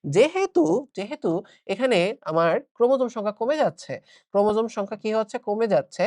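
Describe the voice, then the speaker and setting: A man's voice: sits high, big pitch swings, fast talker, darkish tone, dry recording. A young man with a Bangladeshi Bengali accent giving a casual exam-prep biology lecture, chatty, asking and answering his own questions. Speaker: online biology teacher.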